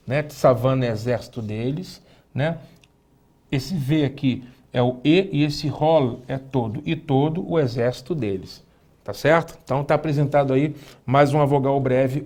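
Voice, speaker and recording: A man, teaching an online lesson and speaking directly to the student, slowly spelling out and repeating words. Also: mid-range voice, darkish tone. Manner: didactic, addresses the student directly, slow careful spelling-out of words. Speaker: Hebrew teacher.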